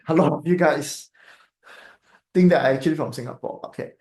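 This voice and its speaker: In a roomy-sounding space, a feng shui teacher from Malaysia talks casually to his live-stream audience at a normal speed. His slightly high voice has a darkish tone, and his Malaysian-accented English rambles along with fillers and tag questions.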